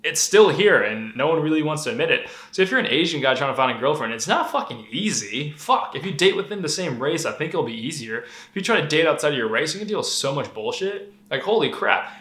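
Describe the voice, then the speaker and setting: A young vlogger from Denver, Colorado talks fast in a fairly high voice, barely pausing, during a casual monologue. He's candid and profane, telling stories with animation, and the room is echoey.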